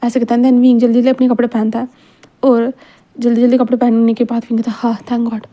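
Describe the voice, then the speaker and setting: A woman tells a fan-fiction story aloud in an easy, casual way. Her voice sits high and sounds warm and soft, and she slips in small fillers as she goes. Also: level tone, quick pace. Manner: casual, mixes English words, brief fillers.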